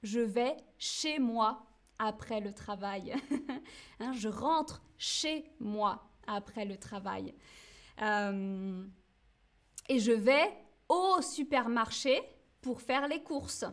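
A woman teaching French on a live stream, speaking slowly and clearly, checking in often and reading viewers' chat messages aloud. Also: a little high, lively intonation, fairly bright tone. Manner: slow, clear, patient teaching with frequent checks. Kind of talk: live-streamed language lesson.

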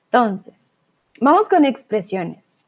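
A woman's voice: fairly high pitch, sing-song. A woman with a Colombian accent teaching a live online Spanish lesson, patiently explaining and often checking in with her students. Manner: patient, explains slowly with frequent "¿vale?" check-ins. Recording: tinny phone-like audio.

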